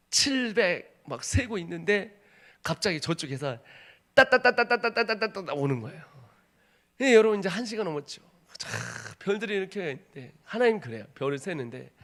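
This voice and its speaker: A man in his thirties, a missionary preacher, telling a personal testimony in a sermon with dramatic storytelling, dropping to a hush and rising to shouts. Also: high-pitched. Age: 30s. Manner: dramatic storytelling, acts out voices, swings from hushed to shouting.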